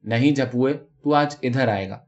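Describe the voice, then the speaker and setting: A man voicing a jealous first wife who scolds and shouts in a storybook reading, on a dull lo-fi recording. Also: medium pitch, lightly acted. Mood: coaxing. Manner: shouting, quarrelsome.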